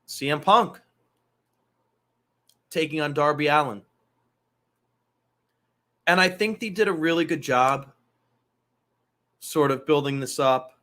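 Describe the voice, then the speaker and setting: A man's voice: a little high, slow pace, long pauses, bright, forceful tone. A man hosting a casual wrestling talk show, loose and profane, rambling through asides. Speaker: podcast host.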